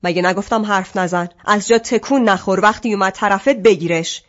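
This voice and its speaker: A woman reading an audiobook, voicing a harsh, worn-out mother of a toddler in a scolding, shouting manner. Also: mid-range voice, muffled recording, natural voice. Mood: angry.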